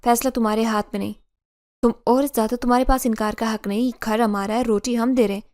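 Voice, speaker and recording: A woman voicing a harsh, domineering middle-aged uncle who speaks curtly and commandingly in a loud, heavy voice. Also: extremely high pitch, dry recording. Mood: stern.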